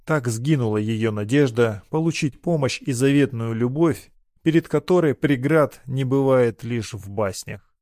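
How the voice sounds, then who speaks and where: A man's voice: medium pitch, a little mellow, no echo. Man narrating a folk tale, dry close sound. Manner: measured storytelling. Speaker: audiobook reader. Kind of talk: scripted narration.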